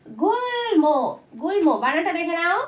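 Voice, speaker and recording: A woman teacher giving a patient spelling lesson at a board, repeating each word slowly for her learners. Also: extremely high pitch, animated, reverberant.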